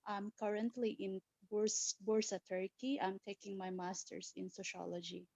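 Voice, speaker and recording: A woman from the Philippines, a sociology master's student, introducing herself softly on a video call. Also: mid-range voice, level tone, moderate pace, no echo. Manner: soft and quiet.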